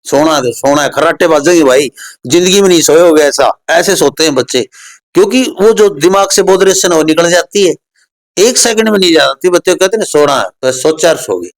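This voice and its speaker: A man hosting an on-location interview, talking excitedly and pitching straight to his viewers. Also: brisk, rough recording. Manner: excited, promotional, addresses viewers directly. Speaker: host. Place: at a residential training institute.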